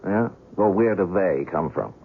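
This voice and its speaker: Heavily acted, the low, gravelly, husky male voice is expressive and a little slow as an actor portrays a shaken, stubborn, skeptical reporter in an old-time radio drama. He pleads colloquially, troubled and full of doubt. The noisy, thin old radio recording has a phone-quality sound.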